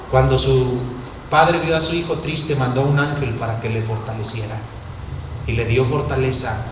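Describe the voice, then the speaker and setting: A man preaching a sermon, passionately swinging between hushed tones and shouts. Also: mid-range voice, background noise. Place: church sanctuary. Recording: echoey church hall.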